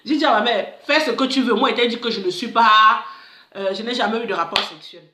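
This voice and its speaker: A woman's voice: on the high side, fast, reverberant, noisy background. A woman, a life coach, telling a personal story in a casual vlog and acting out the dialogue. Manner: animated, acts out dialogue, many interjections.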